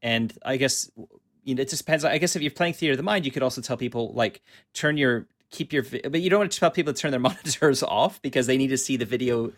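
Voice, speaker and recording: A man's voice: medium pitch, quick pace. A man co-hosting a casual chat, thoughtful and hesitant, searching for words as he goes. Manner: thoughtful, hesitant, many ums and restarts. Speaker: podcast co-host.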